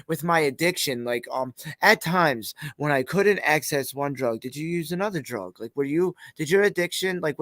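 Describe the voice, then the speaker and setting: A man's voice: on the high side, a bit bright, no echo. A man hosting a casual interview chat, talking in a loose, rambling way and swearing casually. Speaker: host.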